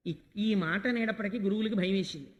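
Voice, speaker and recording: A man's voice: high voice, fast talker, highs cut off. A man giving a devotional sermon, telling a sacred story, reciting verse and talking to his listeners with affection. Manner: affectionate, addresses listeners as dear child. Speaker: religious discourse speaker. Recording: long hall reverb.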